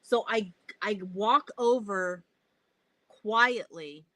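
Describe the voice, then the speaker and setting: A woman's voice: medium pitch, extremely slow, no echo, poor audio. Woman telling a story, swearing. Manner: animated, swears a lot, acts out her reactions. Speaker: vlogger. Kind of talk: casual storytelling. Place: inside a camper.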